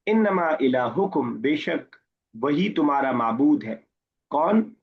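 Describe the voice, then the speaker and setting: Male Arabic teacher, mid pitch, husky, slow recitation and plain explanation, dull lo-fi line. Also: animated. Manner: reads the Arabic slowly, then explains in Urdu and quizzes students. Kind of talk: online class lesson, word by word. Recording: muffled lo-fi online class audio.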